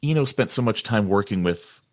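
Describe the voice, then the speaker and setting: A man co-hosting a podcast in casual chat, animated and jokey. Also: on the low side, normal speed. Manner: animated, jokey, does comic impressions. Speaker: podcast co-host.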